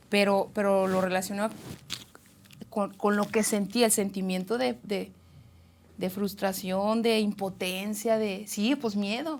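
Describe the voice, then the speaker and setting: A young Mexican woman telling a frightening personal story in casual chat, animated and swearing freely. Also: mid-range voice, gravelly. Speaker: guest.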